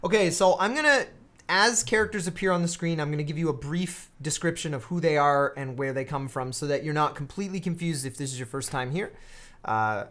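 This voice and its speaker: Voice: mid-range voice, a little fast, fairly bright tone. Game streamer, casual commentary, chatty, laughing, mid-range voice. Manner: chatty, laughs often, many fillers. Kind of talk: casual let's-play commentary.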